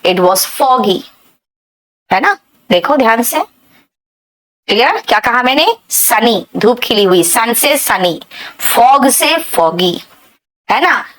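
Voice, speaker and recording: A woman's voice: on the high side, fairly bright tone, low-quality recording. A woman teaching spoken English in a bilingual lesson, repeating words and drilling pronunciation and addressing her students as "beta".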